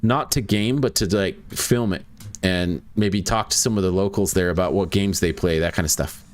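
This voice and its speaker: Speaking at a moderate pace in a deep voice, a young man streams a ghost-hunting game. His commentary is casual, drifting into rambling talk with viewers between gameplay remarks.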